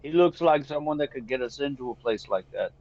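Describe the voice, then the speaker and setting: A man's voice: medium pitch, lively intonation, fairly quick, a little mellow. Brief: male player, joking and theatrical, muffled online-call sound. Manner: playful, hammy, joking. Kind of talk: in-character tabletop play.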